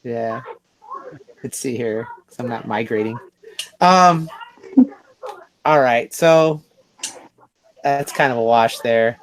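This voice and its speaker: On a casual podcast, a male host with a medium-pitched voice thinks aloud, slowly working his way through a list. The recording is rough.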